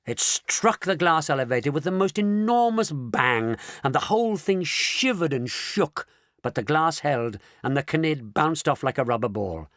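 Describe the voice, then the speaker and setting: A man narrating a children's audiobook in an expressive, dramatic reading style. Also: on the high side, moderate pace, dry recording, studio quality. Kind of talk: scripted storybook narration.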